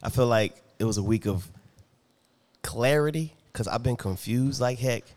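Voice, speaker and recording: A man co-hosting a casual podcast, expressive, sharing a mix of excitement and worry. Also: medium pitch, normal speed. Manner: expressive, swings between excited and worried. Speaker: podcast co-host. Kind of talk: casual chat.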